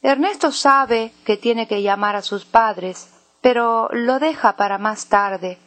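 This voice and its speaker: A woman reading a children's story aloud with a slow, clear and expressive delivery. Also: on the high side, no room sound. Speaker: narrator.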